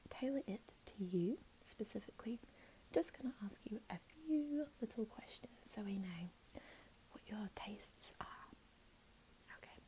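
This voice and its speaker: A woman playing a helpful, chatty librarian in a whispered role-play, speaking in a gentle, unhurried library whisper. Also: mid-range voice, expressive, a little hiss or hum, close to an everyday voice, rough recording. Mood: friendly, attentive. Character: helpful, chatty female librarian signing up a patron.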